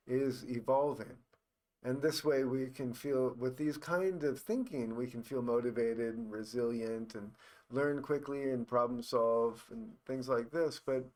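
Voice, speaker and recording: Reflective man explaining in halting phrases. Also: mid-range voice, a little mellow. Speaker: hypnosis teacher. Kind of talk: informal explanatory talk on hypnosis and mindset.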